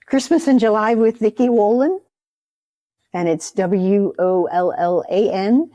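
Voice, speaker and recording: A woman's voice: medium pitch, a little slow, warm tone, no room sound, muffled recording. A woman author speaking as an interview guest, rambling and explaining at length. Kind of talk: casual interview chat.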